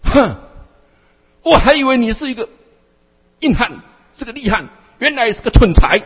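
A man's voice: very high-pitched, lively intonation, moderate pace, breathy edge, pitched above the performer's own voice, exaggerated voice. A man playing a stern scolding bodhisattva teacher. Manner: scolding, exasperated, sing-song. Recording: dull echoey hall recording.

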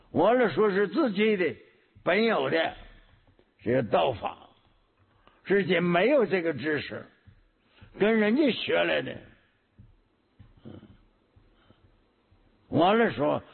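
Slow gravelly Buddhist preacher, man. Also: high voice. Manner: slow, measured teaching with frequent hums and repetitions. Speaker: Buddhist teacher. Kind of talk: Buddhist sermon. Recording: tinny phone-like lo-fi recording.

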